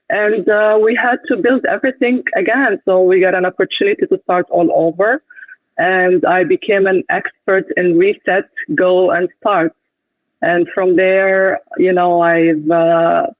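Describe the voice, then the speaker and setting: A woman from Syria, speaking as a guest in an interview in a thoughtful way with small pauses. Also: on the low side, no room sound. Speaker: guest, business consultant. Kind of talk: interview conversation. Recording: tinny phone-like call line.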